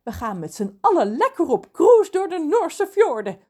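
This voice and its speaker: A woman's voice: extremely high pitch, big pitch swings, normal speed, mellow, voice pushed up. A woman voicing a haughty old mermaid. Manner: haughty, commanding. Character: vain 357-year-old female mermaid, bossy.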